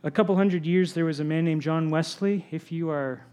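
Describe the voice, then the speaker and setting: A man pastor preaching a sermon, often dropping to a soft, low voice to stress a point. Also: moderate pace, muffled recording. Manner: drops to a soft low voice for emphasis.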